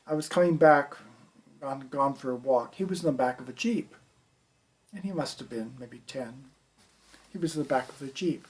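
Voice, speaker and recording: Older man, American accent, reflective, plainspoken, documentary interview, middle-pitched voice. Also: moderate pace, pauses often. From United States. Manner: reflective, plainspoken, soft trailing endings. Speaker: teacher.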